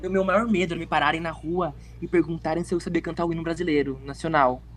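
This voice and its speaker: A young man, chatting casually in a lively, playful way. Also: on the high side, fast talker. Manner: animated, playful, lots of slang fillers. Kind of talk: casual chat.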